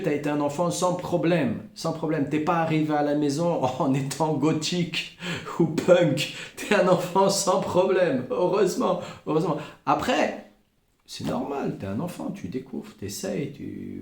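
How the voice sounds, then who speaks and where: A man giving an informal Torah lesson, animated, repeating phrases and acting out little voices. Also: medium pitch, creaky, roomy sound. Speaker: Breslov teacher.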